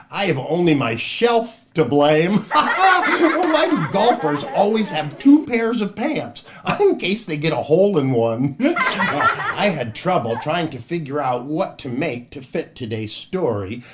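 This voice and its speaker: An older man, a children's storytime host and entertainer, reads rhymes aloud and chats cheerily and theatrically straight to young listeners. His voice is a little high and husky.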